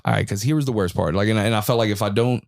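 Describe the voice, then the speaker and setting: A man in his thirties telling an animated, slangy story with swearing on a casual podcast. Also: fairly low pitch, racing, gravelly, dry recording, studio quality. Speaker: podcast co-host. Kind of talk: casual chat.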